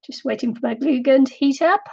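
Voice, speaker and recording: This craft vlogger, a middle-aged woman, talks fairly quickly in a high voice with vocal fry and a darkish tone, slightly nasal from a cold. Crafting on a live stream, she rambles casually and giggles often, in lo-fi sound.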